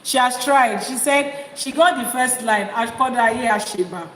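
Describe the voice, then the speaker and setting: This Ifá priestess has a voice on the high side, a bit bright and unhurried, as she teaches a livestream audience. Repeated questions coax her viewers along, and she launches into long, rhythmic chanted litanies that rise as they go. Background noise and heavy room echo fill the recording.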